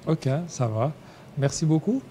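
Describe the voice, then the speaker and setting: A man hosts a casual interview, his tone dark and relaxed. He keeps the talk moving with short interjections and echoes of the guests' words. A faint background hiss sits under the recording. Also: a little high. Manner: quick interjections, echoes answers.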